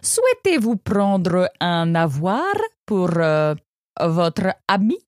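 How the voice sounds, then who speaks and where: A woman's voice: fairly low pitch, very animated, slow pace, darkish tone, no echo, clean studio sound. A woman doing a slick, playful shopkeeper. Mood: smooth persuasive. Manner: salesy, playful, drops foreign words. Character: smooth-talking male parrot-post shopkeeper. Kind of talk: audiobook character voice.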